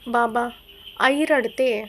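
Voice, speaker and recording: A woman's voice: a little high, slow pace, a bit bright, a little hiss or hum. A woman voicing a small, innocent young girl asking worried questions in a story. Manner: innocent questioning read-aloud dialogue.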